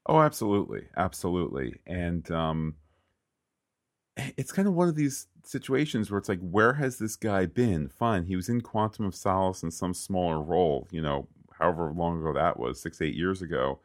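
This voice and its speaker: A man's voice: low-pitched, lively intonation, normal speed. A man co-hosting a podcast, chatting casually and slipping into mock quoted voices. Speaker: podcast co-host.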